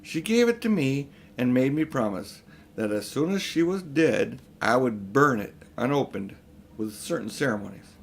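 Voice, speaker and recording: A pompous old magician uncle, as a male reader puts him on for a storybook. He is grandiose and condescending, talking down to others in a lively, swinging pitch. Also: moderate pace, gravelly, a little hiss or hum. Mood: confiding. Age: older.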